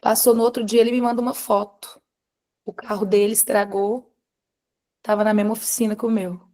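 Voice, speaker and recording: A woman from Brazil, teaching a live class through animated, confiding personal storytelling and calling students by name. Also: medium pitch, brisk. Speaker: course instructor.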